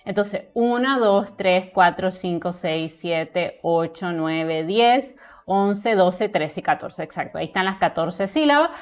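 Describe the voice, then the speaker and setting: Teacher woman explaining poetry, soft music. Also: on the low side, expressive. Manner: explanatory, checks in with frequent rhetorical tags; counts syllables aloud slowly. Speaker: literature teacher. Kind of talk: online lesson on poetry.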